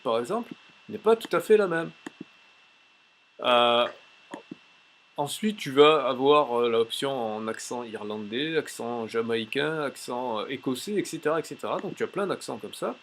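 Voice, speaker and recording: A man teaching a language tips lesson in a casual, chatty way, pausing often with fillers as he shows a website on screen. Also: mid-range voice, animated, a little hiss or hum. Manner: chatty, many "euh" fillers and restarts. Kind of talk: casual tutorial with screen demo.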